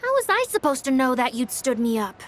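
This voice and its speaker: An earnest young sister with a bright, chatty voice. She sits high in pitch and moves it a lot. Soft game music underneath. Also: very animated, brisk. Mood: reproachful.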